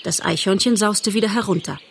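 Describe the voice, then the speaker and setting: A woman narrates a storybook in a calm, measured way, her voice in a middle range. There is faint noise in the background. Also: mid-range voice, creaky. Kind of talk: audiobook reading.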